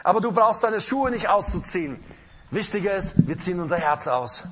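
Husky-voiced preaching pastor. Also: male voice, sits high, expressive, normal speed. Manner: emphatic preaching, calls out "Hallo?" to the congregation. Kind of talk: sermon with altar call. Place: church hall.

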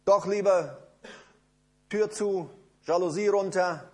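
A man preaching a sermon, emphatic and repetitive, speaking straight to his listeners and swinging between loud declarations and low asides. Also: takes it slowly.

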